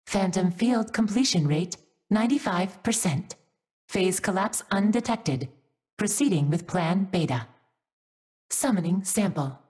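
An actress voicing an artificial female unit in a video game, a glitching robot voice giving flat machine-like status reports and error messages. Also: mid-range voice, measured pace, close to an everyday voice. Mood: mechanical. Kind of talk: video game story cutscene.

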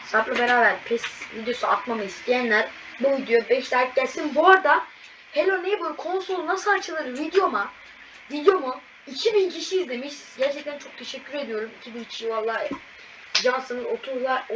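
A woman commentating a video game as she plays, excitable and exclaiming at every fail and win. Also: sits high, fairly quick. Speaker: gaming channel host. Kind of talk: live gameplay commentary. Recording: distant, muffled mic with loud background noise.

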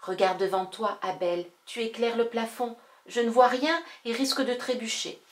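A woman's voice: fairly high pitch, moderate pace, lightly acted. A woman voicing a teasing, confident little girl in a children's story. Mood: calm. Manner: teasing, calm.

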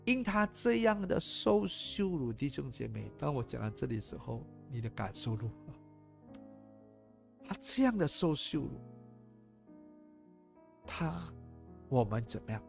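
Gravelly-voiced pastor preaching. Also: male voice, mid-range voice, normal speed, soft background music. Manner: animated, mixes in English phrases, rhetorical questions. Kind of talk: sermon.

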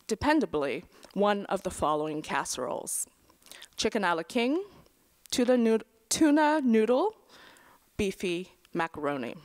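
A middle-aged woman reading her own memoir essay aloud at a lectern in a large auditorium, dry and wry, with soft trailing phrase endings. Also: fairly low pitch. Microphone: lectern microphone.

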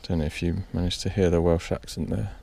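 Deep gravelly british guy rambling on a hillside vlog, kinda tired. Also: level tone, fairly quick, dark tone, slight background noise. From Britain. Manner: rambling, self-deprecating, tired. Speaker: painting vlogger. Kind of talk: casual vlog narration. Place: outdoors on a mountain.

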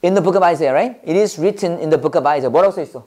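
A woman teaching English Bible verses, drilling listeners with quick rhetorical questions and mixing Korean explanation with English phrases in an emphatic, preacher-like way. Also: lowish voice, warm tone. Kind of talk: call-and-response memorization lesson.

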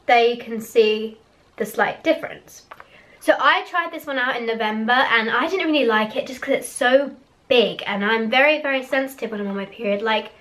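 Speaking at a moderate pace in a slightly high, somewhat bright voice, a teen vlogger reviews products from her small bedroom with posters on the wall. She talks to the webcam right before her face, hoarse and cracking after a cough, while staying chatty, candid and a bit giggly.

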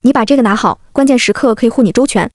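A woman's voice: fairly high pitch, rapid-fire, a little mellow, no echo, clean studio sound, natural voice. A woman voicing a kindly old male village elder giving an earnest warning in a storybook reading.

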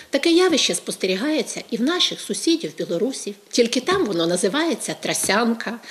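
Female language expert from Ukraine; calm, measured TV explainer who leans on each example. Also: a little high. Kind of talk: educational talk on television.

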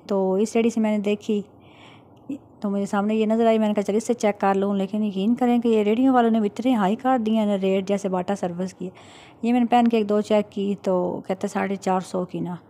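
A vlogger from Pakistan, a middle-aged woman speaking Urdu with a Punjabi tinge, chats through a voice-over about haggling in a plain, matter-of-fact manner. Her voice is medium in pitch and mellow.

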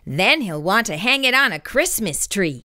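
Expressive woman's storytime voice. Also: mid-range voice, normal speed, no room sound, studio quality. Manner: expressive storytime voice addressed to young children. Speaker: children's read-aloud host. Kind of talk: storytime read-aloud.

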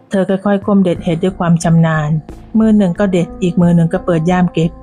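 A woman's voice: lowish voice, mellow. Woman narrating a village tale. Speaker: storyteller. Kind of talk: scripted story narration.

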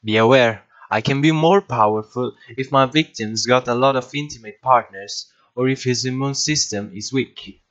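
A man's voice: medium pitch, moderate pace, few pauses, a bit bright, muffled recording, natural voice. Man as a cheeky cartoon virus explaining itself. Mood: cheeky, explanatory. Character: talking cartoon virus, self-confessed bad guy, cheeky. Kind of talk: scripted first-person educational narration.

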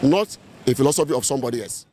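A man's voice: mid-range voice, animated, rapid-fire, warm tone. A Nigerian man interviewed outdoors, arguing his point with rhetorical questions. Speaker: street interviewee. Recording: faint traffic behind.

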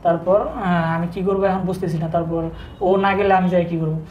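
A young man with speech, telling his own story in a halting, subdued way with frequent restarts. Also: high voice, fairly even intonation, highs cut off. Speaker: interview guest telling his breakup story. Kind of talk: casual personal storytelling. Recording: echoey room with faint background noise.

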